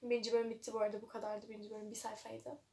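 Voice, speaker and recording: Young woman reading a cringey story out loud, high voice, laughing and making fun of it. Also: little pitch movement, racing, creaky. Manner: mocking asides, frequent laughter. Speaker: vlogger reading a web novel. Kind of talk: comedic reading with commentary.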